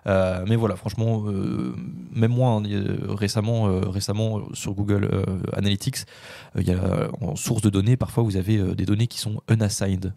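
Male podcast co-host, deep dark voice with gravel, rambling filler-heavy chat, dry close sound. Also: level tone, moderate pace, no room sound. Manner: rambling, many filler words.

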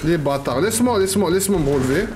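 A man giving live gameplay commentary, slangy and excitable, swearing and trash-talking enemies and repeating phrases. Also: fairly high pitch, racing, noisy background. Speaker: gaming YouTuber.

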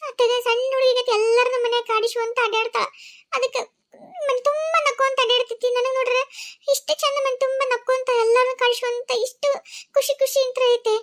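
A soft-hearted older woman in a cartoon, as a woman puts her on, lamenting through tears in a very high voice. Her North Karnataka Kannada accent is thick with local words. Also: little pitch movement, fast. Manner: weeping, lamenting. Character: kind-hearted older woman, crying for a girl. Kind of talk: cartoon voice acting.

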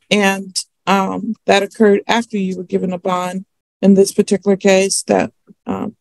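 A middle-aged woman presiding as judge over a court hearing on a video call, formal and firm, speaking haltingly. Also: mid-range voice, darkish tone, rough recording.

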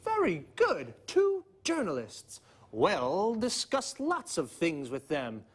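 An actor playing a friendly TV presenter in a scripted beginner English lesson, speaking slowly and clearly. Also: male voice, sits high, full character voice. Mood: cheerful. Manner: slow, clear, lively intonation. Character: friendly male TV presenter Eric. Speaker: TV presenter in a language course. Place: TV studio.

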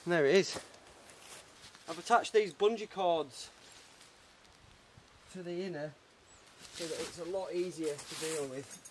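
A man's voice: fairly high pitch, unhurried, long pauses. Casting: man, thirties, outdoor vlogger, understated clipped asides while working, recorded outside with some ambient noise. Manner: short, clipped, understated remarks while busy with tasks. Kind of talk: casual vlog talk, muttered running commentary. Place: outdoors in woodland among ruined brick walls.

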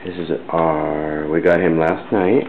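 A man's voice: extremely low pitch, steady tone, measured pace. A man filming a home video with a camcorder, talking playfully and coaxing a child; the sound is old camcorder audio. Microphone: built-in camcorder mic. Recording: tinny lo-fi camcorder audio with hiss.

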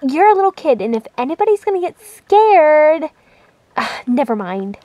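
A bossy, sarcastic girl from a toy role-play story, acted by a woman. She sounds dry and exasperated, in a high voice with very varied intonation. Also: big pitch swings, normal speed, dark tone, dry recording.

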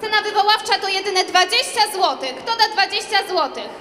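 A woman's voice: very high voice, animated, fairly quick, pushed and bright. A young woman co-hosting an auction, announcing from a stage through a microphone. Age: young adult. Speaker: auction co-host. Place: large indoor sports hall, on stage. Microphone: handheld microphone through PA. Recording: echoey hall PA with crowd noise.

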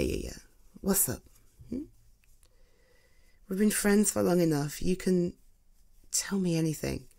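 In this intimate ASMR roleplay, a woman voices a supportive British friend, speaking slowly and a bit low in a conversational, halting way. She exaggerates her voice while sounding concerned and gentle, offering reassurance laced with soft teasing.

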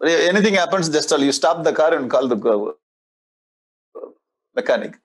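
An older man in his sixties with a South Indian accent teaches scripture in a conversational lecture style. His voice sits a little high and has a husky grain. He often repeats key phrases as he explains. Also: expressive, measured pace, soft background music, rough recording. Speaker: spiritual teacher. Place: indoor studio in front of a display board. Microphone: lapel mic.

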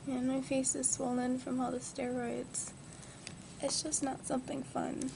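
Groggy girl around 20 doing a casual vlog, lots of vocal fry, noisy webcam sound. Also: sits high, level tone, a little slow. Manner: groggy, subdued. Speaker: vlogger. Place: lying in a hospital bed indoors. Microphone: built-in device mic at close range. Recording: noisy amateur webcam audio.

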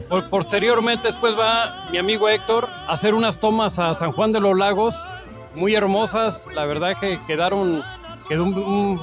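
An older man from Jalisco with a Mexican accent, a songwriter talking earnestly in a casual interview, full of restarts, seated outdoors in a garden. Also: high-pitched. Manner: earnest, halting with many restarts. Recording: music playing behind.

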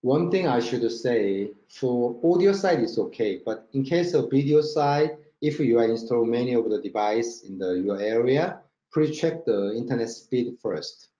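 A mellow Korean-accented man, a company marketing director, presents a product over slides in an online webinar with screen share from an indoor room. His mid-range voice has lively intonation, and his non-native English is halting with frequent check-in words. The audio is roomy and dull.

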